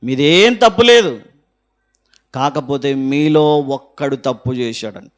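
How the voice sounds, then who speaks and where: A man voicing God as a stern divine figure who firmly rebukes a leader, dropping well below his own pitch. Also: slow, lightly acted. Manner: low, firm, scolding.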